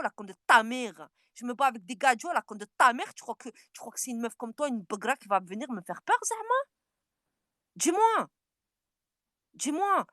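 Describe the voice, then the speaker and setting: A woman on a furious, taunting rant, repeating her challenges and swinging between yelling and low, menacing mutters. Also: dry recording, studio quality. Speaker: social media personality. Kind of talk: angry direct-to-camera rant.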